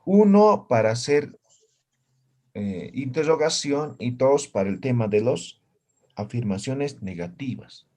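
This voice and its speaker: A man's voice: medium pitch, lively intonation, slow, darkish tone, a little hiss or hum. A man teaching a language class, patiently explaining and often checking in with his students. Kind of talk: classroom lesson.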